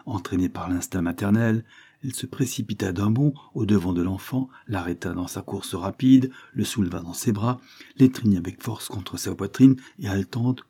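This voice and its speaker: A man reading a novel aloud as an audiobook, in measured, dramatic storytelling. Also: fairly low pitch, warm tone, breathy edge. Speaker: audiobook narrator. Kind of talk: audiobook narration.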